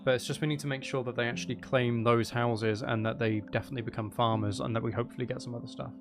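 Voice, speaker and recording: This gaming streamer, a man with a medium-pitched voice and fairly even intonation, talks fast while casually commentating his live gameplay. He chats and thinks aloud, muttering to himself in mild exasperation over background music.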